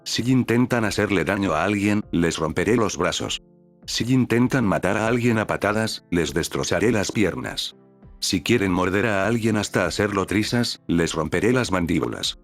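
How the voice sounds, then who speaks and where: A man's voice: sits low, animated, normal speed, faint music behind. A man voicing a steadfast, protective fatherly man who speaks firmly and with passion. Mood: impassioned. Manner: firm, impassioned, resolute.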